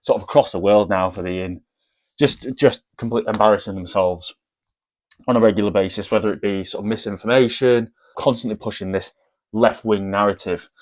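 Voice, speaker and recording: A man's voice: lowish voice, steady tone, a little fast, a little mellow, rough recording. A man giving opinionated commentary to viewers, with frequent restarts and repeated words. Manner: hesitant, repeats words, addresses viewers as guys. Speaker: commentary vlogger.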